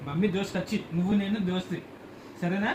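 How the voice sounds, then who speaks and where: A woman's voice: medium pitch, fairly even intonation, fast talker. A woman in a home vlog, chatting playfully with a baby in coaxing baby talk and asking the same questions over and over. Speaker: vlogger talking with a baby. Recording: echoey room with loud background noise.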